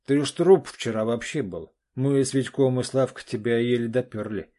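A man's voice: mid-range voice, moderate pace, warm tone, natural voice. A man doing a teasing, mocking friend. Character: adult friend, mocking, easygoing. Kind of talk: audiobook reading.

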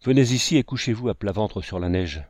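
A man reading as a gruff old frontier sergeant. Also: on the low side, expressive, darkish tone, no room sound. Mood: commanding. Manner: brisk, commanding, scolding. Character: gruff older male frontier sergeant, a father.

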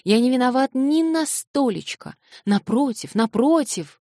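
A woman reading an audiobook and voicing an eager, flustered young man who excitedly protests his innocence. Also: high voice, measured pace, no room sound, studio quality, voice pushed up. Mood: excited pleading.

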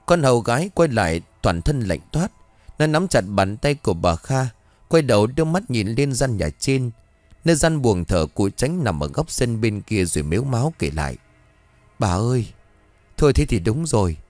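A man narrating a ghost story for an audiobook in an expressive storytelling manner. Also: mid-range voice, moderate pace, dry recording. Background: faint music.

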